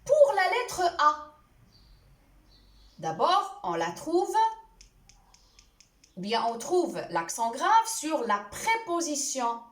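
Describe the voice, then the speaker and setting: A woman teacher giving a spelling lesson, deliberately spelling out letters and examples one by one. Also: sits high, wildly swooping pitch. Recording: echoey room, voice a little far from the mic.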